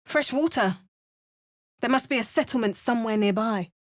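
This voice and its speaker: A woman with a fairly high, natural-sounding voice speaks at a moderate pace. She plays a wry, battle-hardened adult adventurer in video game barks and narration, recounting her journey with dry, sardonic asides.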